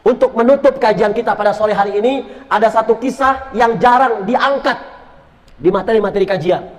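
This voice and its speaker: Guy giving a sermon in a mosque, kinda high voice, lively storytelling, big reverb. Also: moderate pace. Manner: animated, acts out voices in stories. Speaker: preacher. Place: mosque hall.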